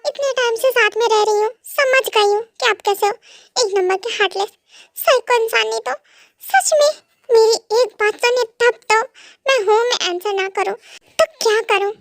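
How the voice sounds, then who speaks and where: Woman doing a scared young wife, teary begging, stammers, super high voice, dry close sound. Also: moderate pace, creaky, no echo. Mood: tearful protest. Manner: tearful, pleading, stammering. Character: frightened young wife pleading with captor. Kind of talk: amateur fan dub.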